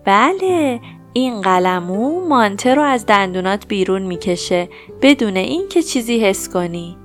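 A woman's voice: mid-range voice, expressive, faint music behind, lightly acted. A woman doing a kind, cheerful lady dentist. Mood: reassuring. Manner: gentle and reassuring.

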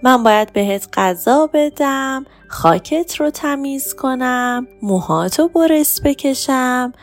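A young boy from a children's storybook, grumbling as he lists his chores, but patient underneath, as a woman puts him on. The voice sits a little higher than plain talk and sounds boyish. Soft music runs underneath. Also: lively intonation.

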